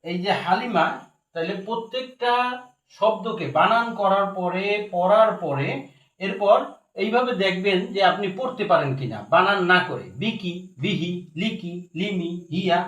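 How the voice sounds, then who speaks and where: A man's voice: high voice, expressive, moderate pace, fairly bright tone. A man teaching Quran reading, spelling each letter and repeating every word three times. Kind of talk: recorded lesson. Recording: echoey room, voice from far off.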